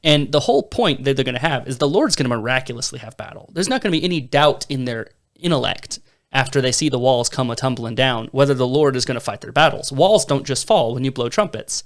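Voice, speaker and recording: A man's voice: medium pitch, expressive, quick pace. A young man in his twenties co-hosting a casual Bible discussion podcast, telling the story eagerly with some fillers. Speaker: podcast co-host.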